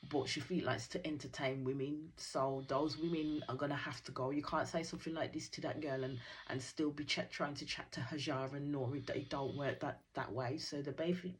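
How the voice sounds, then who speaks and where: A woman with a deep, low voice talks through a reality episode. Her delivery is casual, opinionated and full of slang and sarcastic asides. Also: slight background noise. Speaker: reality TV reaction host. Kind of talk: casual recap commentary.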